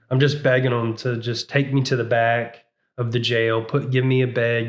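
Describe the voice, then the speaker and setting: Casual thirties male guest, loose storytelling, keeps saying "you know", acts out old lines. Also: mid-range voice. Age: 30s. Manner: rambling, fillers like "you know what I'm saying"; acts out his own past words in a raised voice. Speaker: podcast guest.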